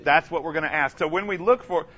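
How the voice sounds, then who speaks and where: A man giving an energetic, humorous conference lecture, emphatic and calling out to the audience for responses. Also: fairly high pitch, quick pace, dull audio. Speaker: conference speaker.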